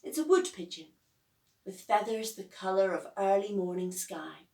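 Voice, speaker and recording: A woman author reading her children's novel aloud with an expressive storytelling manner. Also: medium pitch, moderate pace. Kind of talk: children's book read aloud. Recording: roomy echo, distant mic.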